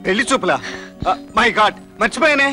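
Brief: cocky young hero type, high and sharp, quick brash delivery. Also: male voice, lively intonation, faint music behind, exaggerated voice. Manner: brash, boastful, teasing threats. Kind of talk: Telugu film comedy acting.

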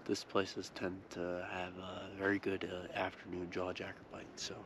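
An easygoing young man chats to his action camera out on a frozen lake, upbeat and loose with his fillers. His voice sits a little low. Steady wind and outdoor noise carry through the recording. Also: moderate pace, far from the mic. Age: young adult. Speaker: angler filming his fishing trip. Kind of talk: casual vlog talk to camera. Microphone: action camera close by.

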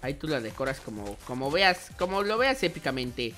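This gaming-channel host is a young man whose bright, lively-edged voice sits in the mid range and moves fairly quickly. His casual commentary is chatty and playful, full of direct remarks to his viewers, over faint music.

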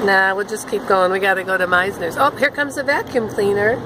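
A woman's voice: mid-range voice, fairly even intonation, brisk. Older woman inside a noisy car wash. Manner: exclamatory, playful. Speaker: grandmother filming a home video. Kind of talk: casual chat to grandchildren, narrating a car wash ride. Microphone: handheld phone or camera. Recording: loud car wash machinery noise.

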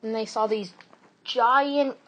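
A woman telling an improvised storybook tale in an animated way, stumbling into restarts and adding sound effects. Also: medium pitch, a little slow, muffled recording, noisy background.

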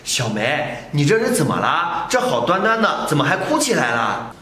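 A man playing a caring young husband in a short family drama, speaking gently and coaxingly. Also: a little high, very animated, normal speed. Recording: echoey room, faint background noise.

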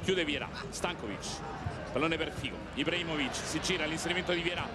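An Italian man commentates a football match live in a high voice. His delivery is rapid, excited and breathless, building into goal calls. Loud stadium noise runs behind him. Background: stadium crowd noise.

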